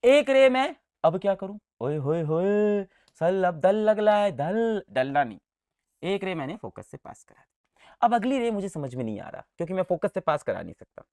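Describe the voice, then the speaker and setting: A man's voice: high voice, sing-song, normal speed, a little mellow, no echo, studio quality. A man teaching a science lesson in a playful, sing-song way, repeating key words, quizzing his students and making sound effects.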